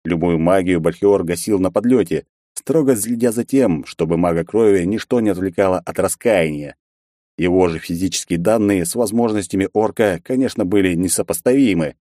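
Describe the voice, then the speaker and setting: A man reading an audiobook in a steady, even storytelling manner on a close studio mic. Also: low voice, brisk, dry recording. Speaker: audiobook narrator. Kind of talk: scripted narration.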